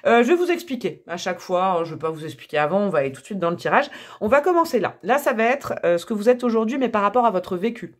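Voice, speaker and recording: A woman's voice: mid-range voice, expressive, fast. A woman giving a casual tarot reading to camera, chatty and thinking aloud with many fillers and small laughs. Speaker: tarot reader.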